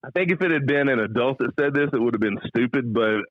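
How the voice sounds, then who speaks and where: A man's voice: mid-range voice, fast, dry recording, narrow, tinny audio. A middle-aged American man, a stand-up comedian telling anecdotes casually as an interview guest and acting out quoted lines. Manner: animated storyteller, acts out quoted lines.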